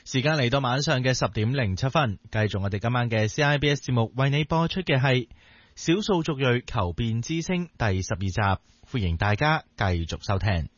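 A man's voice: medium pitch, lively intonation, fairly quick, dry recording. Man radio announcer, formal, dry dull broadcast sound.

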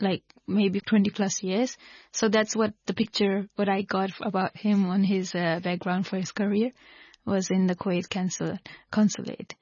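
A woman in her thirties from Hong Kong, answering interview questions casually with halting restarts. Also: medium pitch, darkish tone, no echo. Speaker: guest entrepreneur. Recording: dry, slightly muffled radio broadcast.

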